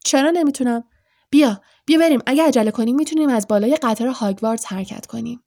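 A woman voicing an eager, excitable boy wizard in an audiobook, talking in quick, urgent bursts. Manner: quick, urgent, high-pitched outbursts. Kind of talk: audiobook character voice.

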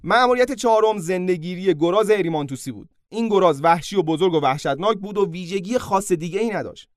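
Brief: high-pitched male host for comic storytelling, casual and joking, dry close mic. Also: lively intonation, no room sound. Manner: casual, joking asides to listener.

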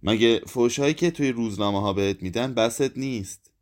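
A man's voice: medium pitch, close to an everyday voice. A man reading aloud, voicing a blunt, teasing male friend at a drinking party. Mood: mocking.

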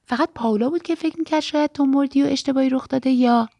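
A woman's voice: sits high, creaky, mellow, no room sound, voice pushed up. A woman reading aloud and voicing a chatty, needy young married woman in a girlish, pleading tone.

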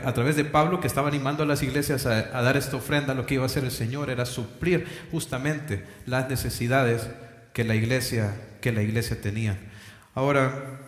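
Man preaching in an echoey hall. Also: mid-range voice. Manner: preaching with rhetorical questions, often addressing the congregation as brothers. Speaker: pastor. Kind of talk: sermon. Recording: echoey hall with long reverb.

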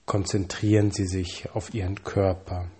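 A man calmly reading scripted guided relaxation instructions, with measured pauses and slow counting. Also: deep voice, slightly rough.

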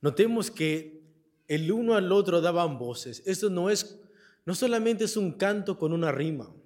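In church, a pastor delivers an expository sermon, reading scripture aloud and explaining it verse by verse. He pauses to ask the congregation questions, leaving the key word for them to supply. His voice is high, expressive, and slightly mellow.

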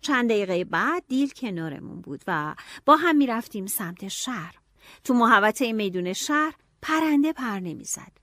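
A woman narrating an audiobook in a steady storytelling manner. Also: a little high, no room sound, studio quality.

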